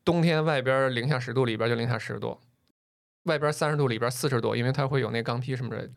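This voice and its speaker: A man with a loud voice, in casual podcast chat, telling stories from his past with laughs and swears. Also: medium pitch, very fast, vocal fry. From northern China. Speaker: podcast co-host.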